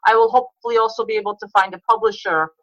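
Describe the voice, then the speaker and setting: A woman's voice: medium pitch, steady tone, very fast, dry recording, lo-fi sound. A woman from New York, an author being interviewed on a podcast, talking in an earnest, reflective way with frequent restarts. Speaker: author guest.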